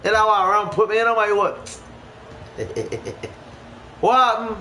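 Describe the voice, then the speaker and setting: A man from Miami streaming a basketball video game, talking casually, cursing and shouting at big plays. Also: sits high, lively intonation, unhurried, slight background noise. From Miami, United States. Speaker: gaming streamer. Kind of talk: casual gameplay commentary.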